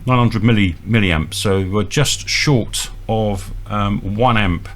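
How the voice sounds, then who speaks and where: A man with a voice on the low side speaks slowly, giving an informal, step-by-step equipment demonstration with hesitant delivery at a small indoor bench. Electrical hum and noise are audible throughout.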